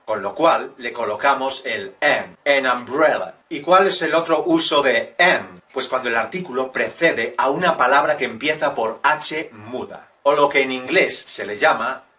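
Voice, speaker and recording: Guy teaching english, bright voice, a bit far from the mic, jokes around. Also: mid-range voice. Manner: playful, jokey asides; slow, careful English example sentences. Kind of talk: Spanish-language English lesson.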